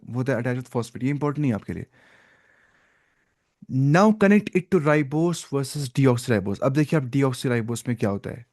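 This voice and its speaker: A man teaching biology in an online lecture, mixing Hindi and English, slowly explaining and asking questions he answers himself. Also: medium pitch, darkish tone. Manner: asks the class questions and answers them himself, repeats "ठीक है"; slow, stop-start explaining with fillers.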